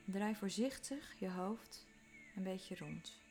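Woman, calm meditation guide, unhurried delivery, faint music underneath. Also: mid-range voice. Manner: slow, calm, soothing instructions with soft whispered moments.

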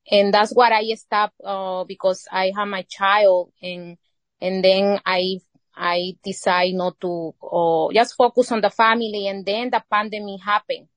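Her English comes slowly, with many pauses as she searches for words, colored by the Salvadoran Spanish of her first language. She's a woman from El Salvador being interviewed casually, medium in pitch, recorded without echo.

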